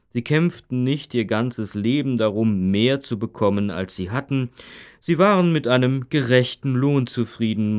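A man's voice: medium pitch, lightly acted. Man acting a grumpy old man, grumbling nostalgically. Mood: grumbling, insistent. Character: grumpy old father nostalgic for the good old days. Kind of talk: scripted language-lesson dialogue.

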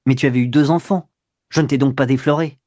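A man's voice: medium pitch, fairly even intonation, quick pace, a little mellow, no room sound, lightly acted. A brusque, sneering young man, as a reader voices him, cold and impatient, snapping out his words. His voice is close and dry, with no room sound at all. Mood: harsh. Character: curt, scornful young man, a cynical lover.

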